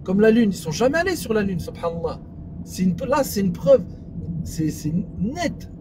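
A man with a high-pitched voice chats casually. He speaks French suburban street slang sprinkled with Arabic religious interjections. The recording is clearly noisy, with vehicle sound behind him. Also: very animated, brisk. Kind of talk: casual chat.

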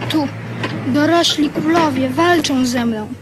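A woman's voice: sits high, measured pace, noisy background. A woman playing a brave, idealistic young boy king in a radio drama, earnest, dramatic and commanding. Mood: solemn, bitter.

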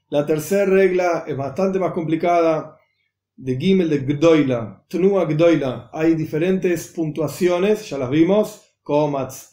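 A rabbi talks through his lesson in a patient, methodical way, with a mellow, somewhat raised voice. He lays out each rule and example with care, and his voice rings in an echoey room. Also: fairly high pitch. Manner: patient, methodical, spells out rules and examples slowly. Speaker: rabbi teaching Hebrew reading. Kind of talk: explanatory lesson voice-over.

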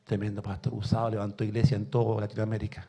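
A man preaching a sermon in a church, telling stories with emotion and swinging from soft to loud. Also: lowish voice, completely flat delivery, quick pace, gravelly, husky. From Chile.

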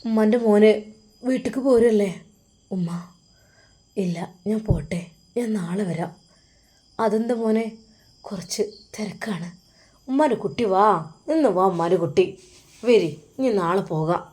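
Brief: soft-spoken emotional elderly mother with a Malappuram Malayalam accent, put on by a woman storyteller. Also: a little slow, pauses often, close to an everyday voice. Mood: coaxing. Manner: soft, lowered and tender.

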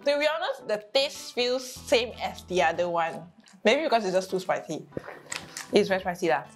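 A woman's voice: medium pitch, lively intonation, moderate pace. A woman with a Malaysian English accent co-hosting a casual food-tasting video, playful and stubborn, laughing easily. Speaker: food review co-host. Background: faint background music.

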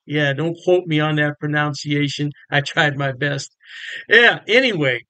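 A man's voice: on the high side, fairly bright tone, smooth, no echo, poor audio. An older American man chatting to the camera about beer from his home bar room, folksy and enthusiastic. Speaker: beer vlogger. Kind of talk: casual talk to camera.

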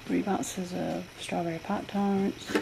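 Filming her tabletop with a handheld camera, a woman goes through her grocery haul item by item at her kitchen table, saying um often. She speaks slowly in a lowish voice with little pitch movement, and the home camera audio carries clear noise.

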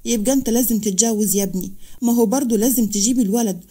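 A man's voice: high voice, racing, warm tone. A woman voicing a commanding older wealthy man, with an Egyptian accent, in a narrated story. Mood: stern. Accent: Egyptian Arabic. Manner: firm and commanding.

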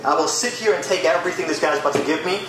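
A man's voice: a little high, racing, a crowd in the background. A man animatedly recounting a personal story, wry in tone. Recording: echoey room with music.

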